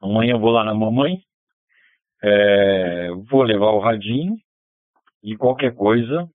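A man's voice: lowish voice, a little slow, no echo. Brazilian man over narrowband ham radio. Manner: courteous, formal radio operator talk with phonetic call signs. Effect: over amateur digital voice radio. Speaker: amateur radio net host. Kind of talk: roll call and sign-off over ham radio. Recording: phone-like narrowband radio transmission.

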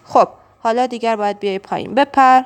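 A woman's voice: fairly high pitch, clear, resonant tone, natural voice. A woman voicing a kind, playful grown man who looks after a child, in a storybook read-aloud. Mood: cheerful.

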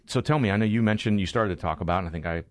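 A man with a low voice hosts a business talk show. He speaks conversationally and informally, wandering through his questions. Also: rapid-fire, no echo. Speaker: radio business show host. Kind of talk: conversational interview hosting.

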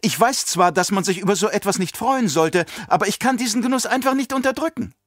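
A man voicing an eerily calm little girl who speaks in a cool, matter-of-fact way. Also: high-pitched, fairly quick, no room sound, clean studio sound, pitched above the performer's own voice. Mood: gloating.

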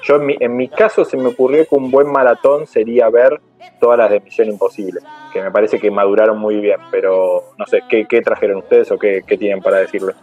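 A man's voice: lowish voice, fairly quick. A man with an Argentine accent hosting a casual panel and asking the guests for recommendations. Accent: Argentine Spanish. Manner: relaxed, steering the talk. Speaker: host. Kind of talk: casual group chat. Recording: dull lo-fi call audio with faint music.

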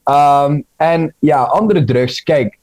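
A man's voice: fairly high pitch, takes it slowly, a little mellow, no room sound, poor audio. A man speaking bluntly and in slang in a casual panel discussion.

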